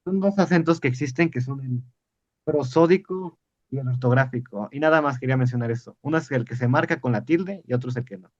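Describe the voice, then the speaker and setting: A man's voice: mid-range voice, fairly quick, highs cut off. A man adding points in a casual podcast discussion, polite and repeating his phrases. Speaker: podcast participant.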